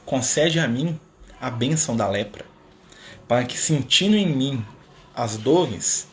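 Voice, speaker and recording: A man voicing a humble, devout medieval friar who speaks earnestly and softly. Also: medium pitch, animated, slow pace, a little hiss or hum. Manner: earnest, pleading, soft-spoken.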